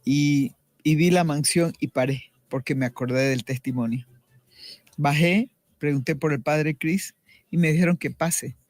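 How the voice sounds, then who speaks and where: A woman's voice: low-pitched, unhurried, darkish tone, no echo. A middle-aged woman giving a personal faith testimony as a radio interview guest, earnest and reflective, often restarting her sentences.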